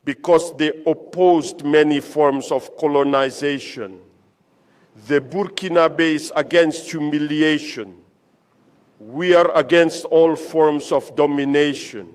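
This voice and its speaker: A man's voice: on the high side, steady tone, takes it slowly. A man giving a rallying political speech to troops as a military leader, exhorting them with repetition and rhetorical questions.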